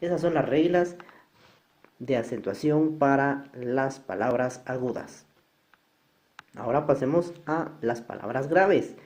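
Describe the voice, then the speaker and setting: A man's voice: medium pitch, unhurried, a little mellow. A male teacher explaining a lesson step by step over slides, repeating each example.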